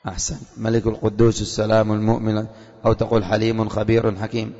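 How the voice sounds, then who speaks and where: A man teaching a religious lesson, quizzing his students by name and asking quick questions in a lecture style. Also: fairly low pitch, completely flat delivery, warm tone, a faint crowd. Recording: muffled hall recording with long echo.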